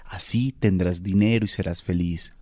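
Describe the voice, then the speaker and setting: A man reading as a gentle giving tree. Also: low-pitched, fairly even intonation, normal speed, no echo, clean studio sound. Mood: tender. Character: gentle generous male tree, ageing.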